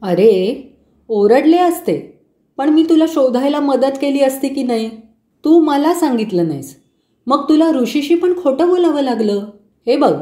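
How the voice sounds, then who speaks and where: A woman playing a caring mother who lectures her son calmly and gently. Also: high voice. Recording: roomy echo.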